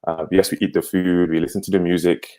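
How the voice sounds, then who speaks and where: A man in his twenties from Cameroon, a guest on a livestream interview, talking in a relaxed, conversational way and often chuckling. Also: deep voice, quick pace. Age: 20s. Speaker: guest, company co-founder.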